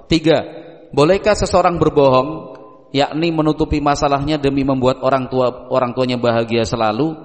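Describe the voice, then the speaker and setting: A man preaching in a casual question-and-answer style, who acts out little dialogues between parents and children and asks his listeners rhetorical questions. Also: mid-range voice. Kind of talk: casual religious Q&A lecture. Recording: long hall reverb.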